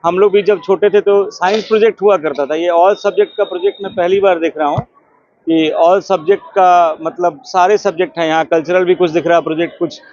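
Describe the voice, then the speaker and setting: A man visiting as a guest, speaking to a news camera in a measured, praising way. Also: high voice, steady tone, a little mellow, no echo. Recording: dry, dull lo-fi news audio.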